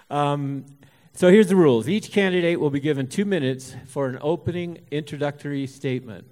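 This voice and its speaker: A man moderating a local candidates forum in a folksy, halting way, with many pauses and fillers. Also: on the high side, darkish tone. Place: auditorium hall. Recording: reverberant hall.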